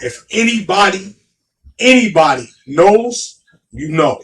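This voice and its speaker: A man's voice: sits high, big pitch swings, slow pace, a bit bright, far from the mic, slight background noise. A middle-aged man with a New York accent, telling stories in casual, emphatic street talk and repeating himself. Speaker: guest.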